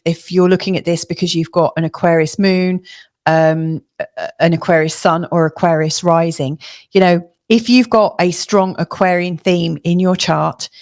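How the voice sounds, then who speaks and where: Slightly hoarse woman astrologer, lower voice. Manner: chatty, many fillers and restarts. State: slightly hoarse, losing her voice. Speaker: astrologer giving a weekly forecast. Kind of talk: casual spoken forecast to camera.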